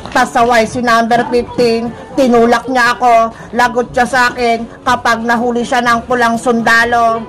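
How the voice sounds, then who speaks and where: A woman voicing a sinister giant doll who calls out the game in a slow sing-song chant and cackles at the players. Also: a little high, completely flat delivery, fairly bright tone, close to an everyday voice. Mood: menacing. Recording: music playing behind.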